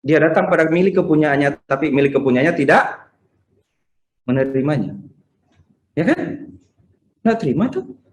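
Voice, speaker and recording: A man's voice: a little high, a little mellow. A man preaching a Sunday sermon, firing off rhetorical questions and acting out the people who question him. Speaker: pastor. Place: church. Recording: roomy church sound over video call.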